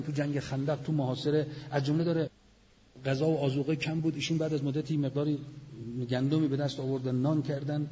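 A man's voice: mid-range voice, darkish tone. A man giving a religious lecture, retelling scenes with quoted dialogue and Arabic citations. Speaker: preacher. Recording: lo-fi recording with long hall reverb and faint noise.

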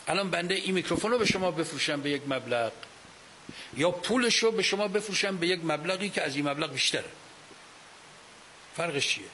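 A man's voice: a little high, pauses often, poor audio. Argumentative man giving a religious lecture. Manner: animated, argumentative, asks rhetorical questions. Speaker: cleric lecturer. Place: speaking to an audience with a microphone. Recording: faint hiss.

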